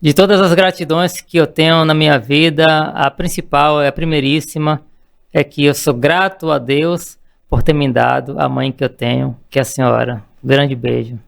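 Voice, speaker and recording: A man's voice: fairly high pitch, fairly even intonation, normal speed, gravelly. A man from Salvador, speaking as a lawyer guest on a podcast in a formal, elaborate way. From Salvador, Bahia, Brazil. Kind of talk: casual podcast chat.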